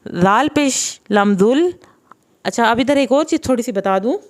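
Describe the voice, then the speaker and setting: A young woman teaching Quran reading, slowly sounding out each letter and vowel mark syllable by syllable and then explaining the rules. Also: on the high side, lively intonation. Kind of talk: slow spelled-out recitation lesson.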